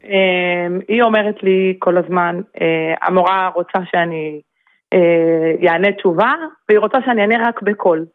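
A woman's voice: lowish voice, no room sound. A woman calling into a radio show, speaking a little hesitantly. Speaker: caller. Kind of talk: radio call-in. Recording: tinny phone line.

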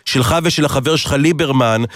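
A man's voice: medium pitch, fairly bright tone, no echo, studio quality. A man co-hosting a radio show, arguing back in an indignant, sarcastic way. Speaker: radio co-host. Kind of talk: heated on-air political debate.

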